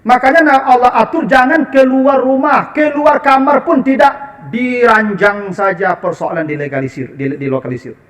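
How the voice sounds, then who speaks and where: A man with a Minangkabau accent preaching a lively, humorous sermon and speaking directly to the women in the audience. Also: very high voice, moderate pace. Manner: animated, humorous, addressing the women as "ibu".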